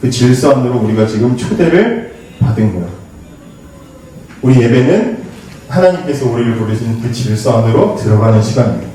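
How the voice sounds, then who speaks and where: A man preaching a lively youth sermon in a church. He talks to the teens like a conversation, asks them questions and acts out the lines he quotes. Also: mid-range voice, a little fast, long pauses, a little hiss or hum. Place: church sanctuary. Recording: very echoey hall, voice from far off the mic.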